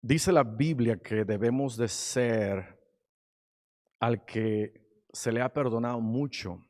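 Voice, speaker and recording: A man preaching a sermon as pastor, dramatic, bursting into shouts for quoted cries, then dropping low and slow. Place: church. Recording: long reverb of a church hall.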